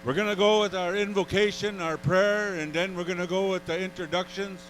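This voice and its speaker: High, bright-voiced male powwow emcee. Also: fairly even intonation, a little hiss or hum, poor audio. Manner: showman-like drawn-out announcing with folksy asides. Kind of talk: powwow emcee announcing to a crowd. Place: large powwow event. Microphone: handheld PA microphone.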